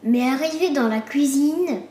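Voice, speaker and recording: A woman reading a children's story aloud in a slow, clear storytelling manner. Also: high voice, mellow. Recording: roomy echo.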